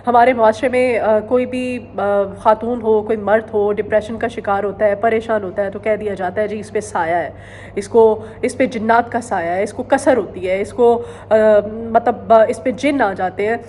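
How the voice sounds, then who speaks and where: A woman from Pakistan giving earnest current-affairs news commentary, pausing often on hesitant fillers and repeating phrases for emphasis. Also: medium pitch, steady tone, a little mellow, a little hiss or hum.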